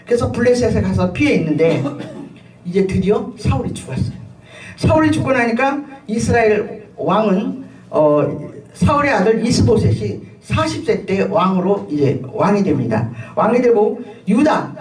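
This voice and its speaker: A middle-aged woman pastor giving a sermon with personal testimony, telling her story in an animated way with frequent laughter and fillers. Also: mid-range voice, normal speed. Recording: echoey room, voice from a distance, faint ambient noise.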